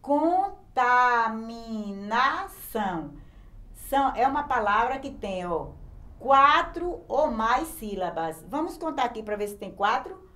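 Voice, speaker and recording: A woman's voice: fairly high pitch, very animated, unhurried, bright, forceful tone. A woman teacher with a Brazilian Portuguese accent gives a remote lesson to young children. She explains patiently and sounds out words syllable by syllable. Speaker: primary school teacher.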